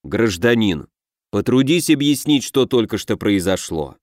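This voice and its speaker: A man voicing a weary, grim giant guard who speaks slowly and gravely in an audiobook. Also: big pitch swings, darkish tone, no room sound, studio quality. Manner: slow, rumbling, grave. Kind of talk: audiobook character voice.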